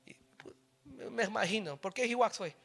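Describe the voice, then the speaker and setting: Middle-aged pastor guy, mixes english in, goes quiet then shouts, high voice. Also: moderate pace, gravelly, breathy edge. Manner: swings from soft asides to loud shouted exhortation; mixes English phrases into Spanish. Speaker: preacher. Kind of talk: sermon.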